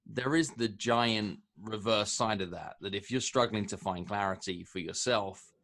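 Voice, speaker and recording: A man hosting a podcast interview over a remote call, asking long, measured questions. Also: on the low side, a bit bright. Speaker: podcast host. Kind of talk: interview host.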